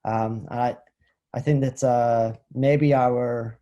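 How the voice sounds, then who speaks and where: A man's voice: medium pitch, steady tone, slow pace, warm tone, muffled recording. Hesitant man lecturing over video call. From Highlands of Scotland. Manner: thoughtful, hesitant, many fillers and restarts. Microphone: video call computer mic.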